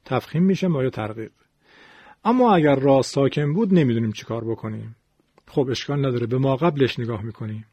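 A man teaching Quran recitation in a radio lesson, explaining rules patiently step by step and drawing out example words slowly. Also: mid-range voice, expressive, warm tone, breathy edge, no room sound.

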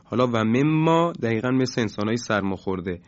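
A man teaching Quran recitation in a recorded lesson, his voice sitting at an ordinary middle pitch. He explains each point in a measured, patient way, with hesitant fillers between phrases. The recording sounds dull and lo-fi, with the top end muffled. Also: expressive.

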